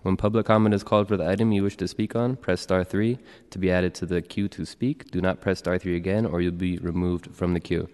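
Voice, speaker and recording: Male clerk, very low voice, steady businesslike reading, long reverb of a large chamber. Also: a little fast, hardly any pauses. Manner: steady, businesslike reading of roll calls and announcements. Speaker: meeting clerk. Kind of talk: formal public meeting proceedings.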